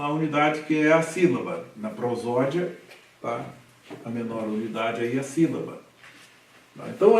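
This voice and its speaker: A Brazilian man teaching Hebrew in a classroom, his slow, deliberate delivery leaving room for students to repeat after him. His voice sits a little high for a man. It rings in a very echoey room and comes from some way off the mic. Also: far from the mic. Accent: Brazilian Portuguese. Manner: patient, drills syllables aloud, checks with frequent "tá?". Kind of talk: classroom lesson.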